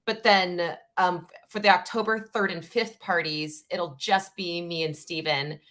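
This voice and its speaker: A woman's voice: fairly low pitch, fairly even intonation, a little slow, fairly bright tone. A young woman co-hosting a podcast, chatty and matter-of-fact in casual conversation. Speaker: podcast co-host. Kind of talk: casual chat.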